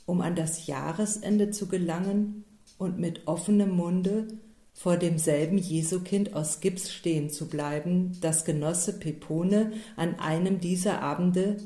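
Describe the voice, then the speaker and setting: A woman narrating a story aloud, slow and calm, with a low, mellow voice. Her reading is measured and unhurried. The room adds a clear echo around her voice. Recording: roomy echo.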